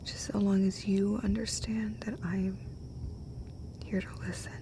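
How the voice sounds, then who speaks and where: A woman acts out one side of an intimate comfort roleplay as a loving girlfriend, her medium-pitched voice tender and emotional yet flat in delivery. She speaks haltingly, often sinking to a breathy whisper, over a noisy background.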